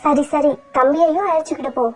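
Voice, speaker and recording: A woman voicing a gentle, self-sacrificing mother bird in a cartoon, soft and earnest. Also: sits high, steady tone, quick pace, faint music behind, close to an everyday voice.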